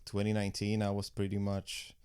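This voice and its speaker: A man's voice: lowish voice, monotone, a little fast, a little mellow, clean tone. A man in his late twenties from Slovakia, speaking English as a second language, chatting casually as a DJ guest with many "you know" fillers. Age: late 20s. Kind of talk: casual podcast interview.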